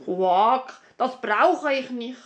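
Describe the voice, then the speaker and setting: A squeaky little frog from a storybook, as a woman puts him on, pushy and persistent, croaking between his words. He sits high and loud above the teller's own voice, his pitch leaping around as he begs. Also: animated, extremely slow. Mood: insistent. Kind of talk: fairy tale storytelling.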